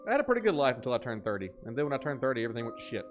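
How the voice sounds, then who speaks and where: A man in his thirties hosting a live gaming stream, jokey and hype, greeting chat and dropping into deep mock-spooky asides. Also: sing-song, very fast, muffled recording. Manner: hypey, jokey, shouts catchphrases, drops into a deep mock-spooky voice. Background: faint game music.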